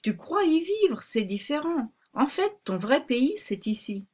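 A bossy talking pink rabbit, put on by a woman reading aloud, brisk and commanding, with a secretive edge. The voice sits a little above her own, in a storybook telling. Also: high voice, big pitch swings, darkish tone, pitched above the performer's own voice.

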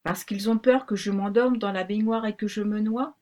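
A woman's voice: mid-range voice, steady tone, normal speed, a little mellow, distant mic, close to an everyday voice. A woman voicing a bewildered teenage girl in a storybook, talking in an astonished, questioning way. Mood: puzzled.

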